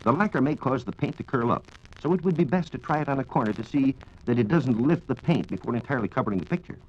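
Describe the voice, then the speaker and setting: An American man plays a science reporter on 1940s radio, answering listener questions with precise, formal, scripted explanations. His mid-range voice moves quickly with lively intonation. The recording is dull and lo-fi, typical of 1940s radio.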